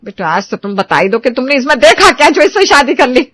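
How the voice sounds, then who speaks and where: A woman's voice: sits high, big pitch swings, fairly quick, fairly bright tone, no echo, full character voice. A woman voicing a haughty, short-tempered middle-aged mother-in-law in a cartoon, scolding and mixing English phrases into her talk. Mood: angry.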